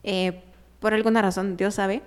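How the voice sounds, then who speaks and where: A woman tells a personal story to a small group in a relaxed, chatty way. Her voice is smooth and clear, at a middle pitch. She is animated, laughs easily and fills her pauses with hesitations. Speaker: guest telling a personal story. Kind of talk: casual conversational storytelling.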